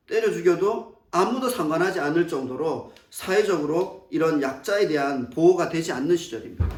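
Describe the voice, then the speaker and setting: A man preaching a sermon as pastor, asking rhetorical questions and acting out quoted lines. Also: sits high. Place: church sanctuary. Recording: echoey church from a distant mic.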